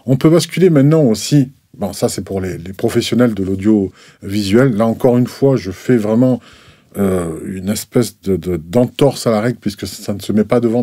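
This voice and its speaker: A man's voice: lowish voice, warm tone, no room sound, clean studio sound. A man reviewing microphones in a casual, explanatory way, hesitant and full of restarts and fillers. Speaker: gear reviewer. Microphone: desk microphones at a distance, switched between.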